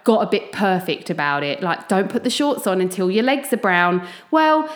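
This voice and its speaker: A woman's voice: mid-range voice, lively intonation, normal speed. Echoey Essex woman podcaster. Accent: Essex English. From Essex, England. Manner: informal pep talk addressed straight to listeners. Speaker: podcast host. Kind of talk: chatty solo motivational podcast. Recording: echoey room.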